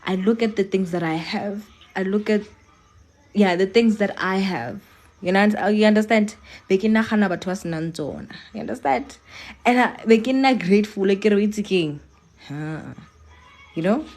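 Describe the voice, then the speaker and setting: A young South African woman with an expressive, mid-range, slightly dark voice chats casually with viewers on a live stream from home. Speaking at a normal pace, she encourages them and switches between English and local languages.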